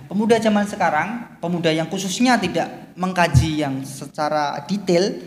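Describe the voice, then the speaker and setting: A man's voice: sits high, moderate pace. A man, a podcast guest, explaining his views at length in a casual religious talk. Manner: explanatory, lecturing, mixes in Javanese phrases. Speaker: guest speaker. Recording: echoey room with long reverb, faint hum.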